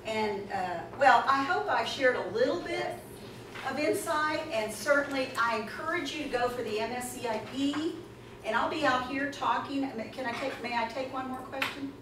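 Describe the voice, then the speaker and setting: Recorded from far off by a camera in the audience, this echoey, noisy clip features a woman with a high voice at a moderate pace. She presents in a conference room to seated listeners, animated and emphatic, chatting with asides and answering questions.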